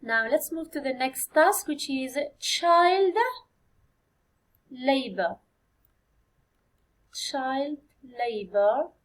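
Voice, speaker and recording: An Algerian woman teaching an English exam review, speaking slowly and deliberately, repeating key words and switching into Arabic to explain. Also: high-pitched, animated, fairly bright tone, low-quality recording. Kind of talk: classroom exam review lesson.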